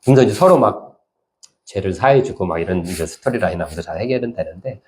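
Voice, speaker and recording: Low-voiced pastor preaching with lively swings. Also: male voice, quick pace. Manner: conversational storytelling, acts out voices with sudden high-pitched bursts. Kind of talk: sermon.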